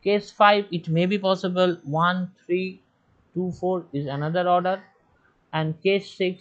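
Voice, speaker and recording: A man with a notably high voice teaches an online class, stepping methodically through each case. His audio is dull and lo-fi, and it keeps breaking up and cutting out. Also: fairly even intonation, drawn-out words, a bit bright. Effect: choppy online audio that keeps cutting out.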